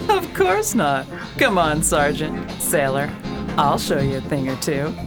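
A woman's voice: low-pitched, wildly swooping pitch, a little slow, over music, heavily acted. Sadie, a flirty bar-room tease played by a woman. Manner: flirty, teasing, loud. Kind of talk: radio play acting.

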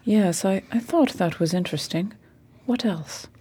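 A woman playing a brisk, authoritative lady detective in a radio play, speaking with precision. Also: medium pitch, mellow, husky, natural voice. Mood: brisk, commanding. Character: brisk, commanding lady detective leading her assistant.

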